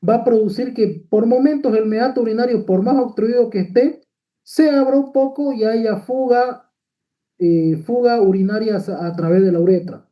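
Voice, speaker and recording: High-voiced man lecturing. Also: normal speed, lo-fi sound. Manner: explanatory, frequent tag questions and fillers. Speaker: medical lecturer. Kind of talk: lecture with slides.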